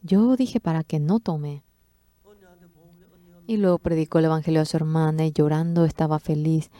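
A woman interpreting a sermon testimony, expressive, acting out quoted speech with sudden jumps in pitch. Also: normal speed, no room sound.

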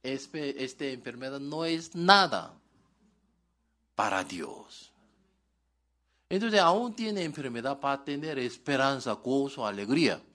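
A man's voice: mid-range voice, very animated, takes it slowly, pauses often, pushed and bright. A male pastor preaching a sermon in broken, article-dropping Spanish, asking the congregation questions and answering them himself.

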